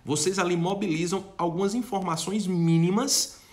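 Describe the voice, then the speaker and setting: A young man gives a lesson in a somewhat high voice. He keeps asking the class questions and then answering them himself, and he checks in with his listeners again and again. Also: fairly even intonation, normal speed, a little mellow. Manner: addresses students directly and checks in often. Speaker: teacher. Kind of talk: online lesson.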